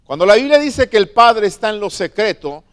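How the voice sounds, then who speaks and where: Man, pastor, sermon, slow emphatic stresses, high smooth voice. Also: very animated, fairly bright tone. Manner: preaching with slow emphatic stresses and questions to the flock.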